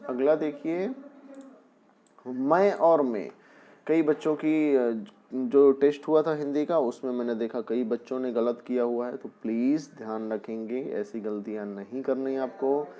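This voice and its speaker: Speaking at a measured pace in a warm, medium-pitched voice, a man leads young pupils through Hindi spelling. He is patient, breaks things down step by step, repeats examples, and often turns to the class with "है ना".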